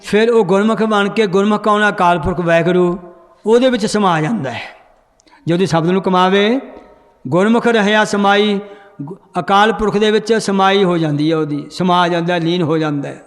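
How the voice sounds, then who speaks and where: A man's voice: high-pitched, moderate pace. A man teaching a recitation class in a large hall, quizzing the students and correcting how they read. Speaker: scripture pronunciation teacher. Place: large hall with a seated congregation. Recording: long hall reverb.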